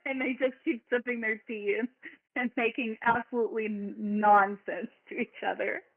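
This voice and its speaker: A woman's voice: fairly high pitch, fairly even intonation, moderate pace, no room sound. A woman narrating a tabletop game as dungeon master, playful and laughing, with frequent fillers. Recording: dry, phone-like sound.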